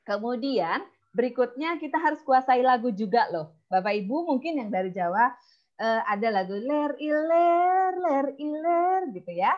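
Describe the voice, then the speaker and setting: A woman teaches storytelling on a video call, her tone lively and expressive. Her voice sits fairly high, and the audio is dull and lo-fi. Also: moderate pace. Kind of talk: webinar lesson.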